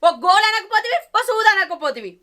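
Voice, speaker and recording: Middle-aged village mother-in-law, played by a woman: Telangana Telugu accent, very high voice, scolding and taunting. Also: very animated, brisk, bright, forceful tone, exaggerated voice. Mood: complaining. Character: nagging, bitter village mother-in-law, quick to quarrel. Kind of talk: village short-film acting. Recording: background music under dialogue. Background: film music.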